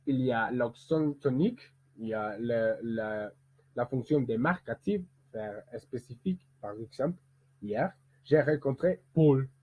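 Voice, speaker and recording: Husky male teacher on a tinny line. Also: mid-range voice, expressive, a little slow. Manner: explanatory, sing-song examples with rhythmic syllables. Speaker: music teacher explaining French prosody. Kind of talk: spoken lesson. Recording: phone-like, husky sound.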